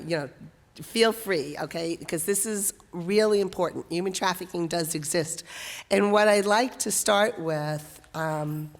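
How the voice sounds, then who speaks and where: A woman with a hoarse voice gives an informal, conversational training talk to a group as guest speaker. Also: low-pitched. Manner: conversational, with asides. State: hoarse from a passing cough. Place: church hall. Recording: echoey hall, long reverb.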